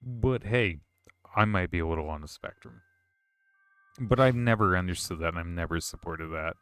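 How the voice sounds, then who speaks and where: A man's voice: low-pitched, normal speed, a bit bright, clear, resonant tone, dry recording. A man streaming a game, chatting casually with viewers in a rambling, self-correcting way. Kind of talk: casual chat while gaming.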